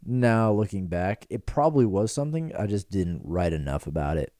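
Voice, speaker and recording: Low, dark-voiced young man rambling. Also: sing-song, moderate pace, no echo, studio quality. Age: 20s. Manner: rambling, joking, riffing. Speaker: podcast host. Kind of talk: casual podcast chat. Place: small room with pillows dampening sound.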